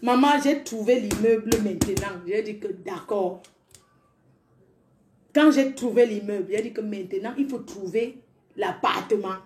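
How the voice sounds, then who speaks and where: A woman casually telling a personal story, animated and speaking directly to her listeners. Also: mid-range voice, unhurried, slight background noise. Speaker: storyteller vlogger. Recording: echoey room.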